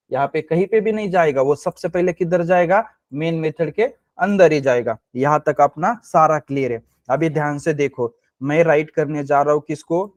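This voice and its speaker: A man's voice: high-pitched, dry recording. A man teaches a coding class live. He keeps checking in with students by name and answers his own questions. The sound is close and dry. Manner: quizzes students by name, repeats key points with rhetorical questions. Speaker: programming instructor.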